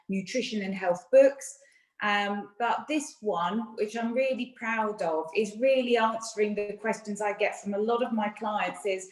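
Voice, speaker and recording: A woman's voice: on the high side, a bit bright, reverberant, low-quality recording. A British woman chef and nutritionist giving a friendly, chatty cookery demonstration from her home kitchen, explaining each step.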